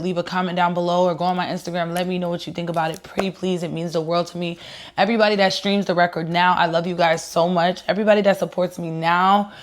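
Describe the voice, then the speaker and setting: A woman singer and rapper telling viewers a personal story in a casual vlog, earnest and emotional, speaking straight to her audience. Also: lowish voice. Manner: excited at first, quieter and heartfelt later.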